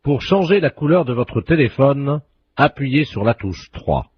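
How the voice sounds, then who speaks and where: A man's voice: medium pitch, animated, measured pace, husky, muffled recording. A man playing a phone company's automated operator, reading absurd menu options in a stiff recorded-menu delivery. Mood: deadpan.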